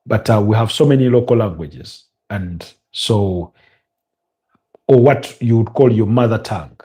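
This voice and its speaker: A Ugandan man with a Ugandan English accent hosts a live match watch-along, chatting casually and conversationally with frequent ums and uhs. His voice is lowish and his pace a little slow.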